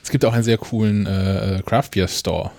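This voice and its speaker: A co-host with a fairly low voice chats easily about tech. He hesitates and restarts his sentences often. His voice sounds dry and close. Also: steady tone, normal speed, vocal fry, darkish tone, no echo. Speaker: podcast co-host. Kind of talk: casual tech podcast chat.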